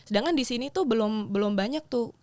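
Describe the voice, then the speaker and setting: A woman's voice: a little high, fast talker, darkish tone, dry recording. A woman in her thirties from Yogyakarta, a business founder chatting as a podcast guest and slipping English phrases into her talk. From Yogyakarta, Indonesia. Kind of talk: casual interview chat.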